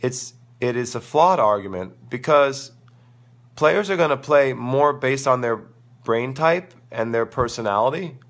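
On his live online show, a tennis coach tackles viewer questions informally, with emphasis and strong opinions. He talks a little slowly in a mid-range voice with lively intonation, sounding crackly and gravelly as a sore throat steals his voice.

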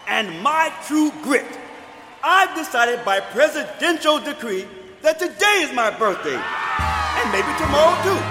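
An actor voicing a self-important, petulant post-apocalyptic president giving a bombastic, theatrical speech in a radio comedy. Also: male voice, very high-pitched, heavily acted. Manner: pompous, theatrical, bursts into shouting. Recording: echoey hall with long reverb.

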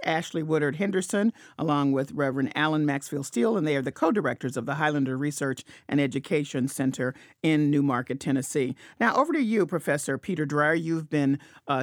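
A man with a slightly high, creaky voice moderates an interview. He sets up questions and passes turns between guests in an orderly manner, recorded dry. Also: no room sound. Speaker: interview host.

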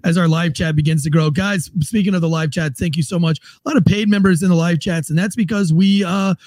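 Joking high-voiced male podcast host. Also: brisk, darkish tone, no echo. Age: 40s. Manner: rambling, joking, irreverent. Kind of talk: casual joking podcast chat.

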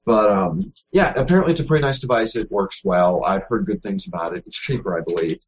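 Male co-host, husky voice, joking and self-deprecating, muffled lo-fi recording. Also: lowish voice, fast. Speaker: podcast co-host. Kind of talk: casual news chat. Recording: dull lo-fi podcast audio.

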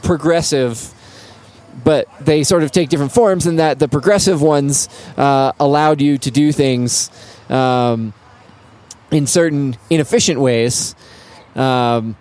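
A man's voice: medium pitch, takes it slowly, a little mellow. Easygoing man podcasting from a brewery. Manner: easygoing, wry, some filler words. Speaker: podcast co-host. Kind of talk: casual podcast chat. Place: brewery, recorded live. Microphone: single shared microphone.

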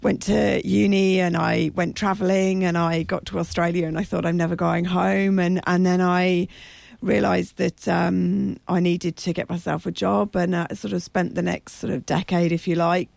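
Croaky, hoarse woman with a frog voice. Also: lowish voice, little pitch movement, darkish tone, no room sound. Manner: halting, searching for words. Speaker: radio show guest. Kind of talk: personal interview conversation.

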